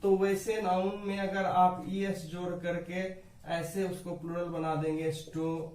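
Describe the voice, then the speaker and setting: A man's voice: high-pitched, completely flat delivery, a little slow, darkish tone, reverberant, far from the mic, low-quality recording. A man teaching an English grammar lesson to students, explaining each rule patiently and often addressing them as dear students.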